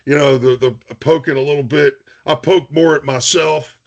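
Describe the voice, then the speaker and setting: A man's voice: a little high, steady tone, moderate pace, creaky, dull audio. A man hosting a podcast, telling jokey team stories in casual chat, with lots of "hey" and restarts. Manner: joking storyteller, many restarts and "hey".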